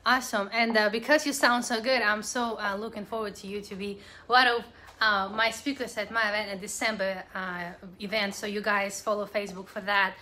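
Woman, 30s, enthusiastic host, bright tone, phone camera, faint ambience. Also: medium pitch, fairly even intonation, brisk, slight background noise. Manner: enthusiastic, complimentary. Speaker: interviewer and host. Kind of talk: live video interview. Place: barbershop and outdoor walkway. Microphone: handheld phone camera.

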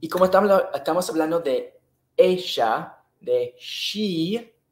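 A man's voice: on the high side, lively intonation, takes it slowly, echoey room. A man teaching English in a live online class, patiently repeating and checking in with the students. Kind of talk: live-streamed online lesson.

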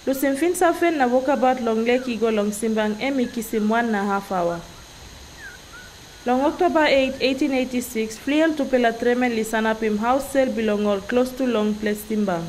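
A woman's voice: fairly high pitch, moderate pace, a little mellow, poor audio. A woman reading scripted documentary narration. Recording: clear background noise with insects.

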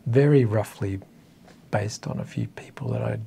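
In a small meeting room, a self-deprecating Australian author in his fifties, from the northern coast of New South Wales, chats casually and reflectively as an interview guest. His lowish voice is creaky and warm, moving at normal speed, though he speaks hesitantly and thoughtfully. There's slight background noise.

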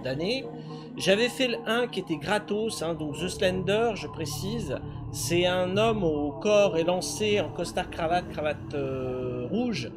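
High-voiced man streaming, music behind. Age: middle-aged. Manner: rambling, self-deprecating. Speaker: game streamer. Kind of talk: casual live-stream chat. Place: indoor home streaming setup.

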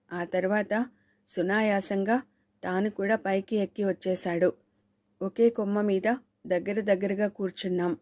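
Woman audiobook narrator, measured suspenseful reading, warm mellow voice, dry close mic. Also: medium pitch, no echo. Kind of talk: scripted novel narration.

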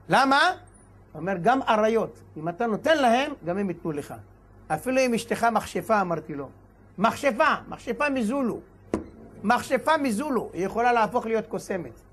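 Man rabbi, very high voice, animated sermon storyteller who acts out his characters. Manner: animated storyteller acting out dialogue and shouts. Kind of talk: sermon with told stories.

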